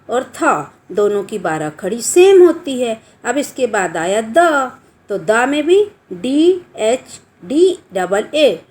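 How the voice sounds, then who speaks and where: A woman teacher talks children through a grammar lesson. Her voice sits high and swings widely in pitch. She goes slowly, spelling out letters and stopping to quiz her students.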